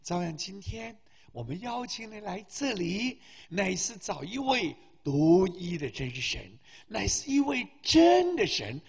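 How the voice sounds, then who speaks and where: A man's voice: high-pitched, sing-song, a little slow, vocal fry. A man preaching and leading prayer before a congregation, with fervent, rising exhortations. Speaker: pastor. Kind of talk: sermon and prayer. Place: church hall. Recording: long hall reverb.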